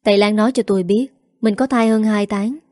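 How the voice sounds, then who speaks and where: Young husband figure in an audio story, gentle and pleading, read by a woman, mellow voice, dry close recording. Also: mid-range voice, steady tone, fairly quick, no echo, natural voice. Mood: joyful. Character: young husband of a rich household, tender and grieving.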